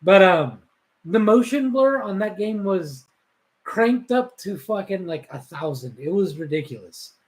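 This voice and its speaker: A man's voice: high voice, expressive, measured pace, rough recording. A man co-hosting a gaming podcast, talking casually in profane slang and laughing often. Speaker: podcast co-host.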